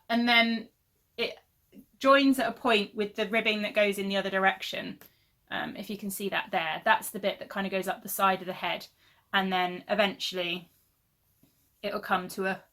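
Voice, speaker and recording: Indoors at home, a woman in her thirties hosts a chatty, rambling knitting podcast peppered with fillers. Her fairly high voice is bright and forceful in tone. She's losing her voice, and it sounds a little worn.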